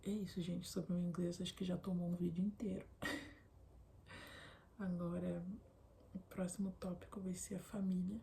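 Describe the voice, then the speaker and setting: Soft-spoken woman with a low gravelly voice. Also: flat delivery, unhurried, long pauses. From southern Brazil. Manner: often drops to a soft whisper. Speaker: vlogger. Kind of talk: casual chat to camera. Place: bedroom. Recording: faint background noise.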